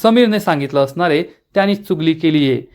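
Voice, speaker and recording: Man reading insistent young daughter, slightly raised pitch. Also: expressive, quick pace, a little mellow. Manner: insistent, pleading. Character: caring, stubborn teenage daughter.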